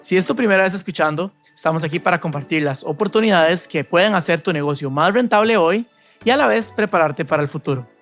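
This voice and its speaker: A man's voice: on the high side, fast, fairly bright tone, soft background music. A man from Costa Rica hosting a podcast, delivering a polished, upbeat scripted introduction and interview questions. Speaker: podcast host.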